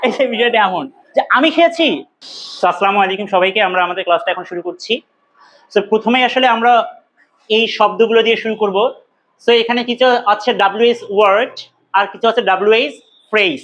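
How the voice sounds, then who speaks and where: High-pitched male language teacher. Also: fairly even intonation, a bit bright, dull audio. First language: Bengali. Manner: asks the class questions and answers them himself; repeats words slowly to drill pronunciation. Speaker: English teacher. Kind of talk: recorded classroom lecture.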